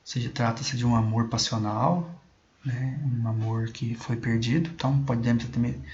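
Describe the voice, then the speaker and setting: A man's voice: mid-range voice, moderate pace, darkish tone. A male teacher explaining a poem in an online class, in a chatty way that often checks in with the students and repeats words while he thinks. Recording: dull lo-fi recording with faint noise.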